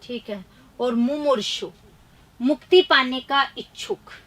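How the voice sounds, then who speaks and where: High-voiced woman teaching grammar briskly. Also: expressive, a bit bright. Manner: brisk quizzing, reading options and answers aloud; chiding, emphatic. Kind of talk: live online exam-prep class.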